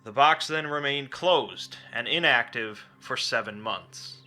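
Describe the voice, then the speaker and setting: Bright, forceful male narrator over music. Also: medium pitch, unhurried. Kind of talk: scripted dramatic explainer narration. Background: background music.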